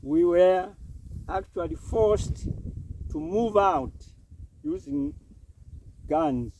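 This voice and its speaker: A man interpreting an interview outdoors, translating in halting phrases. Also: high-pitched, animated, warm tone. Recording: windy outdoor recording, distant mic, boat noise.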